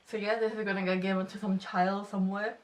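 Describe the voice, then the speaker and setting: A beauty vlogger in her twenties reviews makeup casually, chatty and self-deprecating, with a slight lisp. She talks fast in a medium-pitched, level tone and sits far from the mic.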